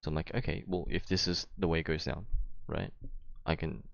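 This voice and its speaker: In a muffled recording with no room sound, a young gamer-vlogger tells the camera his side of a dispute with friends. His bass voice is creaky, steady in tone and a little fast, and his casual, rambling explanation is slangy, with some swearing and frequent check-ins.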